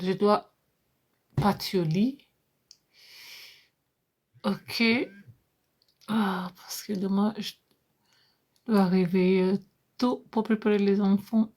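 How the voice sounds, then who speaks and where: A woman, likely in her thirties, hosting a casual livestream chat from home at night, switching between English and French, repeating words and laughing often. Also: mid-range voice. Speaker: livestream host.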